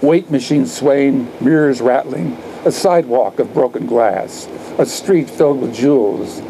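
A poet in his 70s reads his own work into a stand microphone at an outdoor garden reading, adding asides. His dark, relaxed, middle-pitched voice is gravelly, and he declaims short, deliberately placed phrases over light ambient noise, though the audio is poor.

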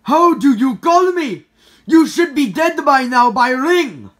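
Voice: sits high, very animated, takes it slowly, a bit bright, pitched above the performer's own voice, full character voice. A performer voicing a brash male golden animatronic bear in a homemade puppet skit.

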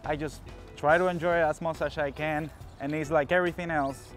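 A man in his thirties from Cuba with a slightly raised pitch answers easily and casually from a small boat outdoors. Faint music lies under the talk. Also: steady tone, brisk, a bit bright. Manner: laid-back, short replies. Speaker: guest angler. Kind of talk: casual chat.

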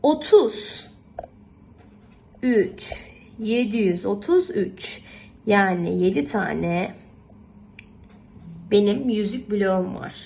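A woman's voice: medium pitch, animated, extremely slow, vocal fry, pauses often, mellow, a little hiss or hum, rough recording. A young woman teaching a math lesson to young children, patient and encouraging, often repeating and checking that they follow. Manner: encouraging and affectionate toward pupils.

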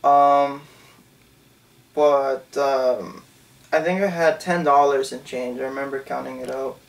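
Recording a casual storytelling vlog in a small indoor bedroom, a young Canadian channel host in his twenties rambles along, filling his speech with "um" and "like." He talks slowly in a steady, creaky, mid-range voice, far from the mic.

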